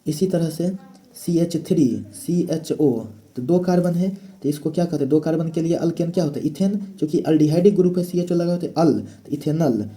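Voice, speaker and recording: A man gives a chemistry classroom lecture step by step, posing questions and answering them himself. His voice is fairly high and warm, with fairly even intonation and a normal speed.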